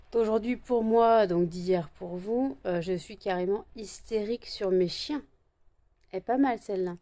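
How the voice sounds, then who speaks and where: A French woman vlogging casually to camera, with a high, shrill voice, tired and barely awake, rambling with many fillers and restarts. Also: dark tone.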